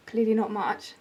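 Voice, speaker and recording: A woman's voice: mid-range voice, darkish tone, lo-fi sound. A young actress playing a playful, teasing teenage girl in a stage drama. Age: young adult. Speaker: student actor.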